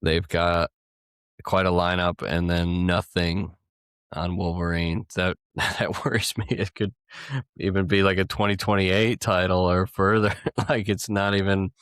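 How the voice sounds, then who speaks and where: A man's voice: low voice, little pitch movement, unhurried, fairly bright tone, clean tone, dry recording, clean studio sound. A young man co-hosting a casual gaming podcast, rambling through his thoughts and laughing now and then. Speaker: podcast co-host.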